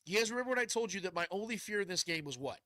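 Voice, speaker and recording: A male sports host with a badly stuffed nose and a congested, nasal sound. His voice sits fairly high and bright, and he talks in chummy, blunt slang at a brisk clip. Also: animated, no echo, clean studio sound. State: stuffed up, can't breathe through nose. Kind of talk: casual sports talk.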